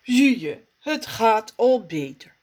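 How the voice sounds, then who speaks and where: A calm, kindly man with a moustache from a children's storybook, played by a woman. He speaks in a soothing, patient way. His voice rises and falls in a lively way. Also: fairly high pitch, slow, exaggerated voice.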